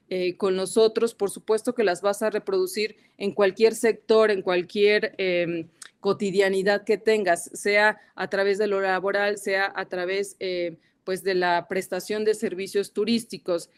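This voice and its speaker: Over a video call, a guest academic speaker gives a panel talk in a clear, resonant voice of medium pitch, her accent Mexican Spanish. She hesitates often, leaning on fillers and starting sentences over.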